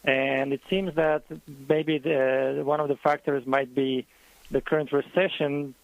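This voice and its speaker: A man's voice: mid-range voice, little pitch movement, measured pace, creaky, no echo, poor audio. A man, a guest economist answering interview questions by phone in a hesitant, thoughtful way. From Croatia. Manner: hesitant, thoughtful, with many fillers.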